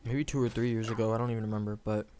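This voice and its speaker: A man's voice: on the low side, flat delivery, very fast, mellow, slight background noise. A young man casually telling a story on a chat show, rambling with lots of fillers and self-corrections.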